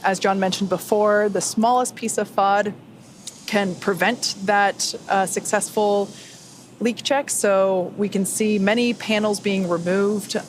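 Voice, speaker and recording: A woman giving live, unscripted webcast commentary, explaining procedures in a somewhat halting way. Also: medium pitch, fairly even intonation. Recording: faint background noise.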